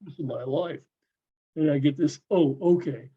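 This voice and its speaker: A man in his seventies sharing lively anecdotes about drumming on a video call. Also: on the high side, a little slow, a crowd in the background. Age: 70s. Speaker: drum corps member. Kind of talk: casual video call chat. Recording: dull lo-fi call audio.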